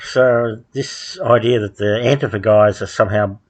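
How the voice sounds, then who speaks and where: Rambling man, low voice. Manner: halting, many ums and restarts, sardonic asides. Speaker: podcast host. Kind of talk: rambling solo monologue.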